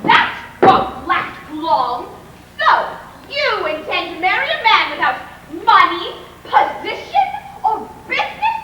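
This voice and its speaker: A woman's voice: very high voice, sharp tone, full character voice. A woman playing a stern, wealthy, meddling old aunt who scolds imperiously, in old-time radio drama style. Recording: echoey distant old recording with faint hiss.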